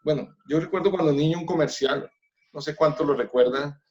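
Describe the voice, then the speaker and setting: A man's voice: on the high side, brisk, darkish tone, muffled recording. A man from Colombia, a pastor, speaking earnestly about family in a church workshop talk, with light laughs.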